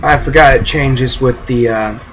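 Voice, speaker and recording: A young man giving casual, goofy gaming commentary, crude and excitable with lots of swearing. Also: mid-range voice, measured pace, slight background noise, poor audio. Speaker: gameplay host.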